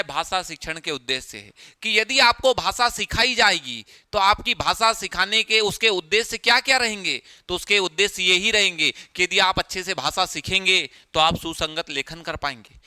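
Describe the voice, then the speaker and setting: Bright, crisp-voiced male teacher. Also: high-pitched, dry recording. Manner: explains step by step, repeats key phrases, asks rhetorical questions. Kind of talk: exam-prep lecture.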